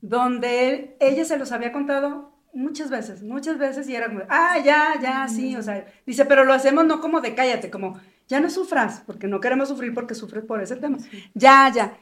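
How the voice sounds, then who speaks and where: A woman chatting casually with friends on a podcast, telling stories in a lively way. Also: sits high, brisk. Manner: chatty, animated storyteller. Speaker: podcast co-host. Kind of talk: casual group chat.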